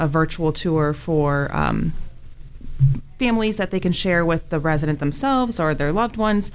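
Smooth, lower-voiced woman explaining services. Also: rough recording. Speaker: interview guest representing a care community.

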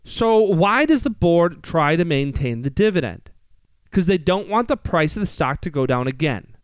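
High-voiced American man hosting, clean and close. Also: big pitch swings, normal speed, smooth, no room sound. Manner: asks rhetorical questions, emphatic repetition. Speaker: financial radio show host. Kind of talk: conversational financial explanation.

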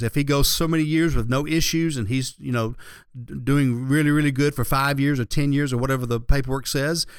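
A man's voice: medium pitch, no room sound, studio quality. A man hosting a radio show, giving conversational, folksy advice as a financial planner.

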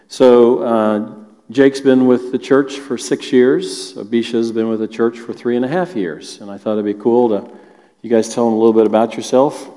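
This church elder's mid-range, dark voice moves at a moderate pace as he hosts an interview on a church auditorium stage. He is friendly and joking with the guests he questions, and the hall echoes.

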